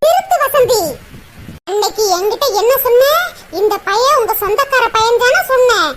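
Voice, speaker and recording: A woman's voice: extremely high pitch, expressive, moderate pace. A woman voicing a meddling, gossiping village neighbour in a cartoon comedy, prying and accusing. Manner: prying, accusing, stirs up trouble. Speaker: cartoon character. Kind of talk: Tamil cartoon comedy voice acting. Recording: loud background noise.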